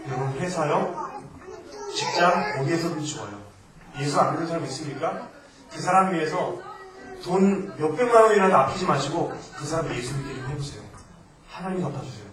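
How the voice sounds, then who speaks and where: A male missionary preaching a sermon in Korean to a congregation, alternating loud emphatic exhortation with quieter asides. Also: fairly high pitch, lively intonation, a little fast, crowd noise. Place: church sanctuary. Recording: echoey church hall from far off, faint noise.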